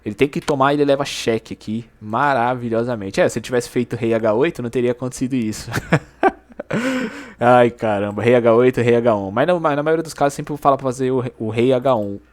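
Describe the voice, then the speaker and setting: A man's voice: mid-range voice, fairly quick. Slangy man breaking down a chess game. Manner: slangy, animated, exclaims over moves. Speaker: chess YouTuber. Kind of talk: game analysis commentary.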